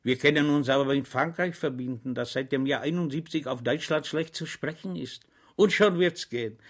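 A man's voice: mid-range voice, normal speed, natural voice. A man voicing a simple, good-natured, chatty soldier in an audiobook, rambling with naive confidence. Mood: eager.

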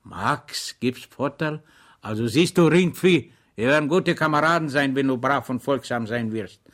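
A man reading aloud, voicing a cheerful, easygoing soldier servant with a lively, blustering manner. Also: mid-range voice, moderate pace, close to an everyday voice.

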